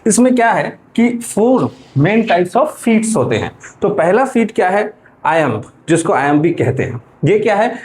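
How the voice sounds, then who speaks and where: A man's voice: high-pitched, darkish tone, a little hiss or hum. A man teaching English literature in an explanatory lecture, often stopping to check in with the class and correcting himself as he goes. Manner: self-correcting, repeats "ठीक है" often.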